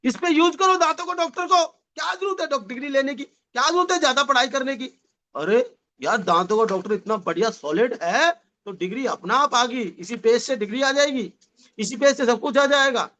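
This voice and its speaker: A man giving a lively motivational sales seminar, repeating phrases and calling the audience his dear friends, with a slight touch. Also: extremely high pitch, moderate pace. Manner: animated, repetitive, addresses audience as "my dear friend". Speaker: network marketing trainer.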